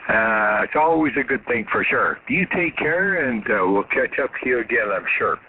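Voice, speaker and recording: Friendly rambling man, voice still rough from morning, through a thin noisy radio link. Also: mid-range voice, animated, moderate pace. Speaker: ham radio caller. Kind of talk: casual radio chat. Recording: tinny radio audio with noise.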